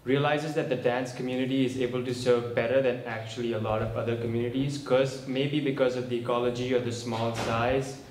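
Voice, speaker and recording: A man speaking at a forum in long, measured, winding sentences. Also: mid-range voice, level tone, darkish tone. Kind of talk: open forum remarks. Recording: echoey room, faint noise.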